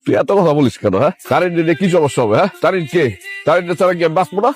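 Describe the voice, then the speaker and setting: A hot-tempered young man fires off accusing questions at high speed, his voice sitting a little high. He sounds possessive and jealous, played by an actor in a stage-like drama. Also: lively intonation, racing, soft background music, close to an everyday voice. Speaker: jealous boyfriend. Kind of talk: Bangla TV drama acting.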